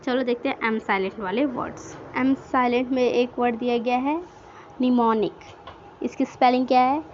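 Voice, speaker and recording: A woman with a fairly high voice gives a grammar lesson. She spells out words letter by letter and answers her own questions as she goes. The recording sounds dull and lo-fi, with a faint hiss behind her. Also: steady tone, normal speed. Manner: asks questions and answers them herself; mixes English words into Hindi. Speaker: English grammar teacher. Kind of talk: classroom lesson explaining words.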